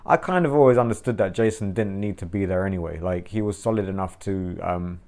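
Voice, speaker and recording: A man looking back on his band days in casual chat, musing and halting, often saying "man" and "you know". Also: low voice, a little mellow. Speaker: former band member.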